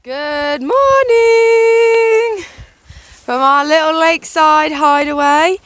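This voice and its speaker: A young vlogger with a high-pitched, fairly bright voice talks extremely slowly, with no echo. She's wild camping on a mountainside near a lake, filming herself on a handheld camera and narrating casually with frequent laughter.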